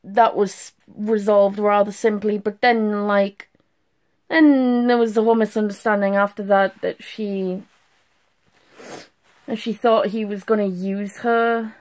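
A young woman speaks at an ordinary pitch, fresh from a cry. She gushes in a casual review style, restarting and trailing off as she goes. She records on a phone at arm's length in a small bedroom. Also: fairly even intonation, slow, pauses often, darkish tone. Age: young adult. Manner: emotional gushing with restarts and trailing thoughts. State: has just been crying. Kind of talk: casual video review to camera. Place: small bedroom at home, indoors.

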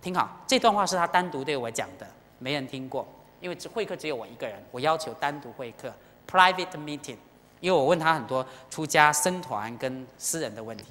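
A Buddhist dharma teacher giving an animated sermon in a temple, telling stories with feeling and often turning to the audience directly. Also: medium pitch, a little fast. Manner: animated, emotional storytelling with direct appeals. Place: temple lecture hall. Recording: long hall reverb.

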